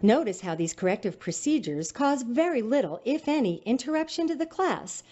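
The narrator of this teacher-training video is a woman speaking calmly and instructively at a moderate pace, her mellow voice on the high side. Her pitch moves widely through the script, and the lo-fi recording sounds dull.

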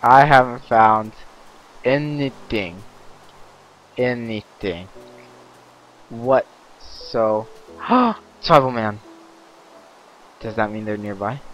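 Man, unhurried game commentator, chatty, quick to yelp at mishaps; dull lo-fi mic, faint music behind. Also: mid-range voice. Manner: chatty, easily excited, yelps and laughs at mishaps. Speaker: gaming commentator. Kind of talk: casual let's-play commentary.

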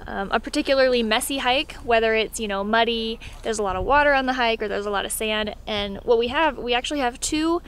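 Young woman on a hiking vlog, friendly and relaxed, bit higher voice, outside by the car. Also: fast talker, few pauses, smooth. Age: young adult. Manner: friendly, relaxed, light laughs. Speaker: travel vlogger. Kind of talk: casual vlog talk to camera. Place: outdoors, trailhead parking lot. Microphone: handheld camera at arm's length.

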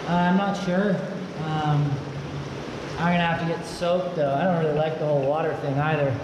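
A man's voice: a little high, steady tone, moderate pace. A young man giving casual, awed handheld vlog commentary, exclaiming as he goes, with his voice echoing in a cave. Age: young adult. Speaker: vlogger. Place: inside a rock cave with running water. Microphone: handheld camera. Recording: muffled cave echo, loud water noise.

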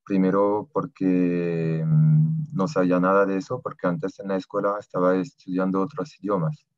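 A young native French speaker from southern France, who is learning Spanish, answers interview questions over a video call from a small room at home. His deep voice shows little pitch movement and is a little mellow, and he halts often, pausing to search for words. The dry, dull lo-fi audio comes through his laptop webcam.

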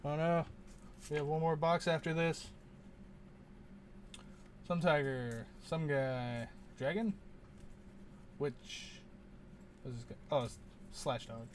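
A man's voice: a little high, steady tone, slow pace, long pauses, a little hiss or hum. A man hosting a casual unboxing video, rambling and muttering to himself, often unsure how to say things. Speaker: channel host opening card packs.

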